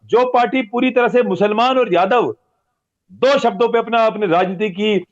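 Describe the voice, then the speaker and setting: A man's voice: high-pitched, normal speed. A religious man answering an interviewer with heated, repetitive and accusatory talk. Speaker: religious guest. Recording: dull lo-fi audio.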